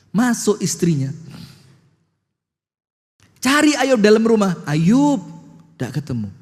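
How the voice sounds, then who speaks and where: A man preaching a sermon to an audience in an animated style, throwing questions at his listeners. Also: high voice, big-room sound.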